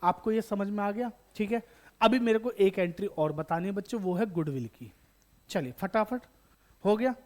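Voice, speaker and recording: A man's voice: high-pitched, normal speed, darkish tone. A man teaching an online accountancy lesson to school students, asking them questions and answering them himself, repeating key terms and addressing them as children. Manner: calls students beta, bachche, addresses viewers directly. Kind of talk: online exam-prep lesson.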